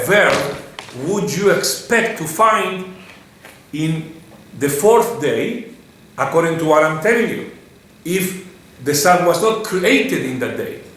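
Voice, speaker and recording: A man's voice: a little high, fairly bright tone. A man teaching a Torah class, putting questions to his students and often restarting his sentences. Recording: very echoey room with faint background noise.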